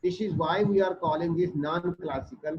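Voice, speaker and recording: Man, North Indian accent, slightly high voice, classroom lecturer, explanatory, muffled sound. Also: moderate pace, husky. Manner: explanatory, checks understanding with short tag questions. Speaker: chemistry lecturer. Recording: dull muffled audio with background noise.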